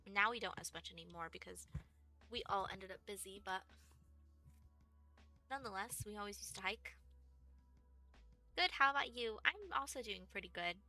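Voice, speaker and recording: Faint music sits behind this Texas woman in her twenties as she chats casually on a livestream, rambling with lots of "like" and "um." Her medium-pitched voice is pushed and bright with lively intonation, and she moves at a moderate pace with frequent pauses.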